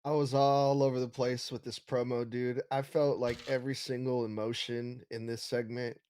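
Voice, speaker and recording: A man's voice: medium pitch, flat delivery, normal speed, darkish tone, clear, resonant tone. A man co-hosting a podcast, giving casual conversational commentary and acting out what others said as he retells it. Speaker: podcast co-host.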